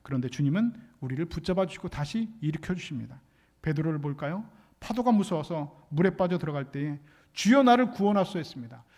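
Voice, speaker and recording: Male pastor, emphatic sermon delivery, quick and high-pitched, acts out quoted lines. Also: expressive, dark tone. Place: church sanctuary.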